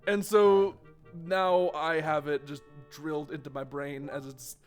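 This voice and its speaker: A man streaming a game, chatting excitably and laughing, with tangled rambling asides. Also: on the high side, measured pace, clean tone. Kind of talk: casual gameplay chat. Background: game music.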